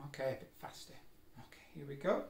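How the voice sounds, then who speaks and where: Seated at a wooden table in an indoor room, this middle-aged special-needs teacher walks children through an exercise video with simple, encouraging steps. His medium-pitched, creaky voice swings widely in pitch and moves a little fast. Picked up by a camera a few feet off, the sound echoes over background music.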